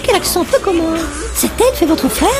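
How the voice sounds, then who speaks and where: A woman's voice: very high-pitched, expressive, moderate pace, shouting, over loud music. A woman playing a polite, precise young sorceress, speaking formally and primly in a rhyming comic fantasy audio drama. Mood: courteous. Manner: prim, formal.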